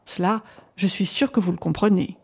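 A woman's voice: medium pitch, normal speed, warm tone, natural voice. A woman reading aloud, voicing a volatile male asylum inmate who swings between scorn and pleading. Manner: erratic, flaring into outbursts then pleading. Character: agitated middle-aged male asylum patient.

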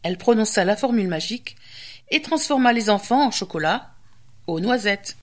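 A woman storyteller and radio host reading a children's tale aloud with lively, expressive pacing. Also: on the high side, brisk.

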